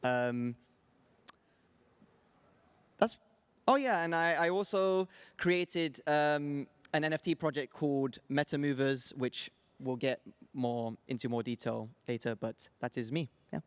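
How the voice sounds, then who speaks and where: A man's voice: mid-range voice, measured pace, clean tone. A man, a dancer speaking on a panel in a modest, hesitant way. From England. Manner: modest, hesitant, repeats words. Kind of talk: casual panel talk.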